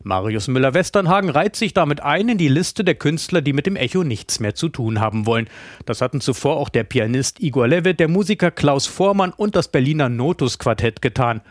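A man's voice: on the high side, animated, fairly quick, no room sound, studio quality. A man reading a radio news report in a matter-of-fact way.

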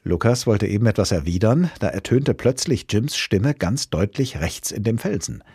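A man narrating a children's storybook in an expressive, dramatic way. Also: fairly low pitch, normal speed, creaky, breathy edge, dry recording, studio quality. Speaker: audiobook narrator.

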